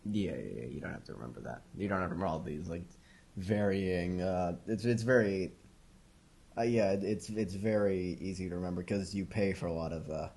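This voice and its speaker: Husky deep-voiced male co-host, easygoing agreeing chat. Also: brisk, a little mellow. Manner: supportive listener, frequent short agreements. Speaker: podcast co-host. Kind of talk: casual chat.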